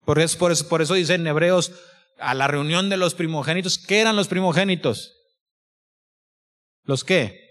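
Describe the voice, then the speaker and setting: A man's voice: fairly high pitch, moderate pace, pauses often, a bit bright. A middle-aged man preaching a sermon, putting repeated questions to the congregation and reading scripture aloud in formal old-style wording. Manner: repetitive, questions the congregation directly.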